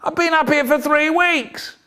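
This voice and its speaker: A man's voice: moderate pace, bright, forceful tone. A man doing a whiny little schoolboy. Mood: pleading. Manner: pleading, high whine.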